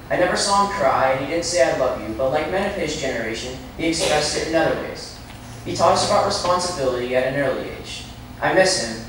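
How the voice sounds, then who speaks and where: A man delivering a memorized speech as a declamation, with an earnest, steady delivery. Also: mid-range voice, a little hiss or hum. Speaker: student giving a declamation. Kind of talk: recited speech. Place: classroom or school hall. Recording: echoey room, distant mic.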